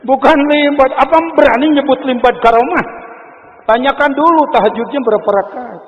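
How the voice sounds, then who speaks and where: A high-pitched man with a Sundanese accent delivers a sermon in a hall with long reverb. He swings dramatically between loud exhortation and hushed, confiding asides. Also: a little fast, dull audio. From West Java, Indonesia. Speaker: preacher.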